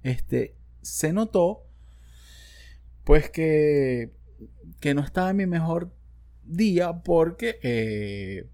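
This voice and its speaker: A man's voice: fairly high pitch, warm tone. A man with a Venezuelan accent, hosting a casual solo podcast into a studio microphone, rambling and slangy with self-joking asides. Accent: Venezuelan Spanish. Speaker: podcast host.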